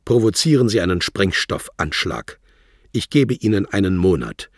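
A man voicing a scornful, threatening embassy secretary with a guttural, rasping snarl. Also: deep voice, very animated, a little slow, dry recording, studio quality, pitched above the performer's own voice, heavily acted. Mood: dismissive. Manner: mocking, threatening, condescending. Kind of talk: audiobook character voice.

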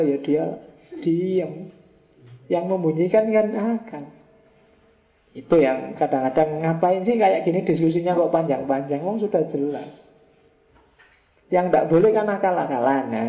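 A man's voice: on the high side, creaky. A man giving a casual philosophy lecture, chatty and joking, with rhetorical questions. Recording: roomy, dull lo-fi lecture recording.

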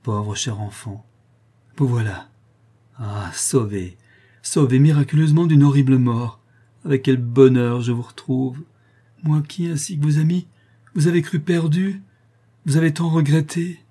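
A man's voice: mid-range voice, expressive, moderate pace, dark tone, slightly rough. A man reading an audiobook and voicing a tender, effusive noblewoman. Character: warm, eager aristocratic lady, motherly.

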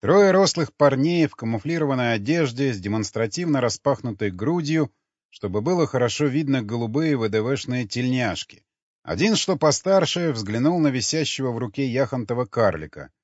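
A man narrating an audiobook in an expressive storytelling manner. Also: medium pitch, moderate pace, dry recording. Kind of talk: scripted narration. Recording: dry, dull lo-fi sound.

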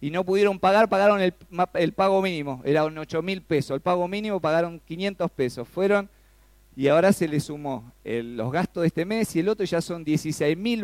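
Male preacher, gravelly voice, animated sermon, dry close recording. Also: high-pitched, no room sound. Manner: animated, rises sharply when acting out pleas; asks the congregation questions.

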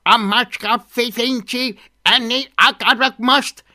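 A man's voice: very high-pitched, steady tone, pushed and bright, voice pushed up, full character voice. A man voicing a small, stubborn, hungry baby dragon that stutters and demands food in an audiobook. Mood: frantic.

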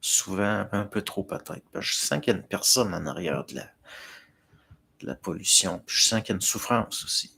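This is a middle-aged man with a Québécois accent who hosts a livestream, reading out viewer comments and answering them. His voice sits low and gravelly, with a husky edge. He talks in a loose, hesitant way, doubling back and filling pauses as he goes. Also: lively intonation, pushed and bright. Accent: Québécois French. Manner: hesitant, many fillers and restarts, talking to chat. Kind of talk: casual rambling chat.

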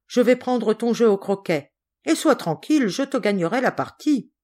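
A woman reading an audiobook aloud and voicing a plump, meddling, gossiping spinster cousin in a shrill, bossy voice. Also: animated, normal speed, a little mellow.

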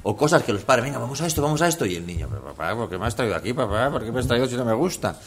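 A man's voice: mid-range voice, big pitch swings, rapid-fire, breathy edge. A man in his sixties from Madrid with a Peninsular Spanish accent, a radio guest telling stories playfully with rambling asides. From Madrid, Spain. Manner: playful storytelling, acts out quoted voices, rambling asides. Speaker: guest author and radio humorist. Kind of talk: casual radio interview chat.

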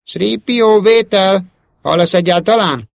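A man's voice: medium pitch, sing-song, creaky, no echo. A man voicing a young farm-boy hero who calls out urgently and nervously. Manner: urgent, calling out.

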